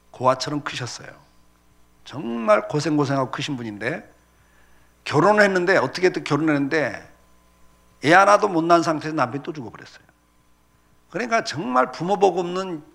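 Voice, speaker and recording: A man's voice: fairly high pitch, creaky, fairly bright tone. A middle-aged male pastor preaching a sermon, telling stories with acted-out quotes and laughter.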